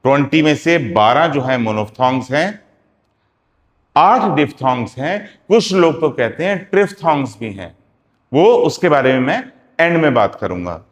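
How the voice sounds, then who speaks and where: A man teaching phonetics, spelling out sounds slowly and repeating examples. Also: medium pitch, expressive. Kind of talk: classroom lecture. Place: classroom. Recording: echoey classroom with long reverb.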